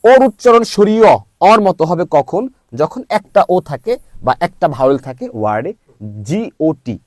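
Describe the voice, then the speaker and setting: A man teaching English pronunciation, spelling out letters slowly before saying each word. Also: high voice, big pitch swings, no echo, studio quality. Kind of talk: slow spelled-out phonics lesson.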